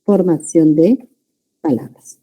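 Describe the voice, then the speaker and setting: A woman giving a pre-university language lecture, often checking in with her students with a quick "ya?" or "no?". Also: deep voice, dark tone. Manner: calls students "jóvenes", checks understanding with frequent "¿ya?" and "¿no?". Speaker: language teacher.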